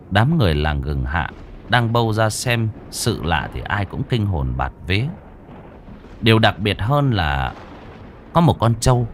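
A man's voice: on the low side, a little hiss or hum. A man narrating a horror story in a vivid, theatrical, gory way.

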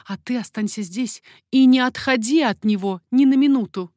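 In a clean, dry studio recording, a woman reads as a proud, commanding young queen, lightly acting the part. Her fairly high, slightly mellow voice is pitched above her natural one and moves at a normal speed.

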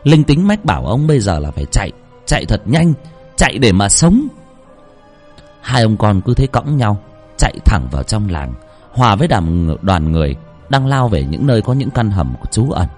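A man's voice: on the low side, sing-song, normal speed, darkish tone, soft background music. A man narrating a dramatic, emotive spoken ghost story.

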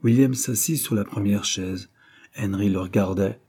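Low, dark-voiced man reading a novel aloud. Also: moderate pace. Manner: steady, even-toned reading that voices each character's dialogue. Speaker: audiobook reader. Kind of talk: audiobook narration of a classic novel.

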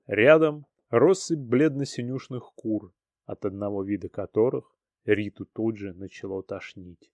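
A man reads a story aloud with dramatic expression, his voice mellow and dark. The sound is close and dry, with no room around it. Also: fairly low pitch, measured pace, no echo, dull audio. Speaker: narrator. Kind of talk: audiobook narration.

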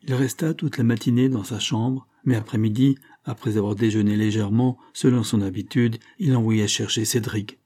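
A man narrating a classic children's novel as an audiobook, in a measured storytelling voice. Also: fairly low pitch, dark tone, slightly rough.

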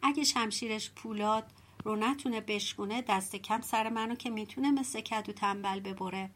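A woman's voice: mid-range voice, a bit bright, a little hiss or hum, lightly acted. Male peasant, mocking and teasing, read by a woman narrator; folk-tale audiobook.

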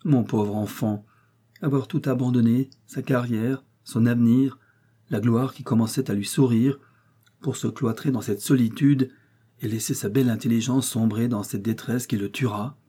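A man reading aloud, voicing an old mother who laments and pleads over her son, in a husky voice. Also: mid-range voice, steady tone, normal speed, dark tone, close to an everyday voice. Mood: lamenting. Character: anxious old mother, tender and talkative.

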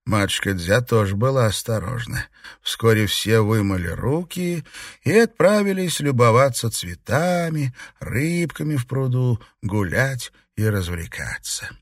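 A male audiobook narrator telling a classic tale in a measured, even way, his voice set in the middle register. The recording is dry and close, with no room sound. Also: medium pitch, dry recording.

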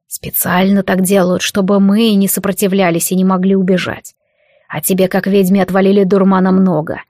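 Audiobook role: woman voicing a hardened male prisoner, slow, rough and blunt, in a dry close recording. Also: high voice, monotone, a little mellow, dry recording. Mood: grim. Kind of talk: audiobook character voice.

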